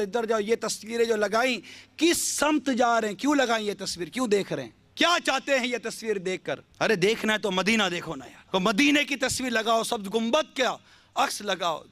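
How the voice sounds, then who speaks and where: A man's voice: high voice, fairly bright tone, dry recording. A male preacher giving an impassioned sermon, full of rhetorical questions.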